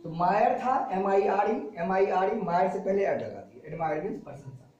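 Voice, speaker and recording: A man with a high voice teaches a class, repeating every word and meaning and drilling his students with questions. He is recorded from a distance in a very echoey classroom. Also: lively intonation, normal speed, a little mellow, highs cut off. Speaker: vocabulary teacher.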